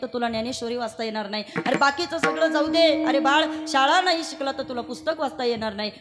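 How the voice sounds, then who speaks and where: Tender devout father pleading with his boy, high and warm-toned, put on by a woman preacher. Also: lightly acted. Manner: gentle coaxing advice. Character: tearful devout father, pilgrim farmer.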